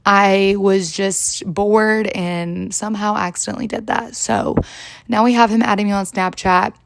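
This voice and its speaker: A young woman hosting her podcast with a hoarse, gravelly rasp to her voice. She rambles in a chatty, casual way, dropping "like" constantly. The sound is close and dry. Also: mid-range voice, steady tone, unhurried, no echo. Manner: chatty, rambling, heavy use of "like". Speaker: podcast host. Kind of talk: casual solo chat.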